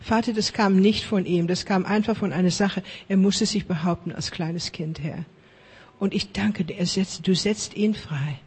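A preacher leading charismatic prayer ministry, fervently repeating blessings, dropping into whispers at times and mixing in English phrases. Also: male voice, high-pitched, steady tone, moderate pace, husky. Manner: fervent, repetitive chanting of blessings; mixes English phrases into German.

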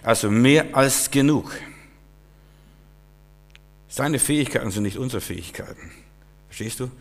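A man preaching a sermon with fervent, repetitive phrasing that climbs to loud, emphatic peaks. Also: mid-range voice, animated, unhurried, creaky. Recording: long hall reverb.

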